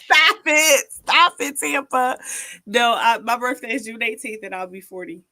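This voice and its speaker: A woman's voice: fairly high pitch, normal speed, bright, forceful tone, a little hiss or hum. A woman in her late thirties, a guest on a casual live-stream chat, easygoing and chatty. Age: 30s. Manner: easygoing, chatty, laughs readily.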